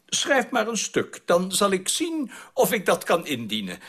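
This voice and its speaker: An actor playing a calm, wily institute director who answers in a measured, evasive way in a radio drama. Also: male voice, sits high, exaggerated voice. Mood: cool.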